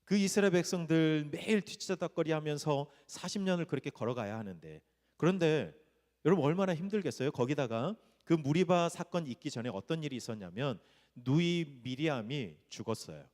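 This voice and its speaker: A man's voice: a little high, sing-song, a little fast, a little mellow. A male pastor giving a conversational sermon and asking the congregation rhetorical questions. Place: church sanctuary. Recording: reverberant church hall.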